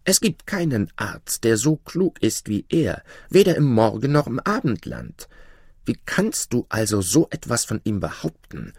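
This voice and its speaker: A man's voice: mid-range voice, huge pitch swings, a little slow, vocal fry, darkish tone, slightly rough, no echo, clean studio sound, heavily acted. A man voicing a proud old-tale king who speaks emphatically and gets indignant, in a storybook reading. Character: grateful proud male king, quick to anger.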